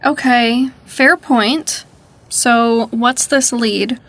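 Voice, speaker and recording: Skeptical young female investigator voiced by a woman, high pitch, unhurried, dry sarcasm, audio drama. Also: fairly bright tone, full character voice.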